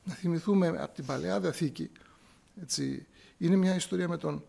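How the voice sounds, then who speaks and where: A man's voice: fairly high pitch, creaky, dark tone. A male priest giving a sermon in church, explaining scripture word by word and repeating key phrases to drive them home.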